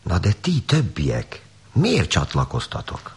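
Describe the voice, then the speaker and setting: A man voicing a gentle, wise dove who calmly scolds the animals. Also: sits low, breathy edge, exaggerated voice. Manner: gentle, reproachful.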